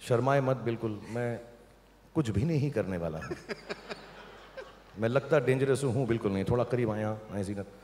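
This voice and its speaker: A man's voice: mid-range voice, moderate pace, long pauses, a little mellow, a little hiss or hum. A man hosting a launch event on stage, teasing and coaxing a couple with playful jokes. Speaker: event host. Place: large event hall. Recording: hall reverb, faint ambience.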